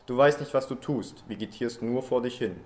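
A man reading a story aloud, voicing the comforting ghost of a lost loved one who softly urges the listener not to give up. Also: medium pitch, moderate pace, lightly acted. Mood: urging.

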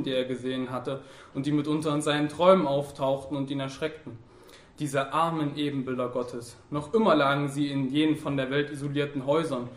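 A man narrating a novel in a grave, measured way. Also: fairly high pitch, roomy sound. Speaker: audiobook narrator. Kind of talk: scripted narration.

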